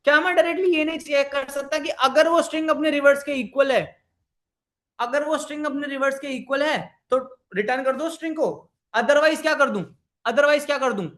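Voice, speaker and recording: Higher-pitched man teaching a live coding class. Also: a bit bright. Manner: repeats phrases, quizzes the class often; mixes English coding terms into Hindi. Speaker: programming instructor.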